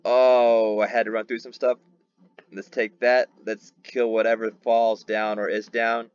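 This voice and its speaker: A man's voice: fairly low pitch, flat delivery, unhurried, smooth, no echo, lo-fi sound. A man hosting his own gaming channel, commenting on his gameplay with eager energy and repeating words when thrilled. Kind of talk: excited game commentary.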